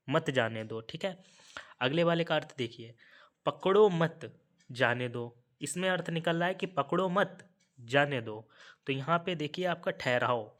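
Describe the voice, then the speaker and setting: A man's voice: mid-range voice, fairly bright tone. A man teaching an exam-prep lesson, explaining step by step, answering his own rhetorical questions and mixing English terms into his speech. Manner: sprinkles English terms into Hindi.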